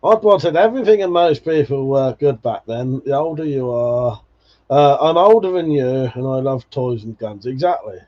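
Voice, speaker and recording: Medium in pitch and expressive, a male livestream host in his forties talks at a normal speed, reminiscing casually while reading viewer comments, laughing and swearing freely. The recording is dull, lo-fi stream audio.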